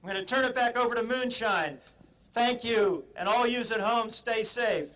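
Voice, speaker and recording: A man's voice: very high voice, normal speed, fairly bright tone. A man acting as master of a ceremony, announcing to the crowd in an emphatic, showman-like way. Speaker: ceremony master, club president. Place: outdoor ceremony. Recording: live outdoor event noise, crowd behind.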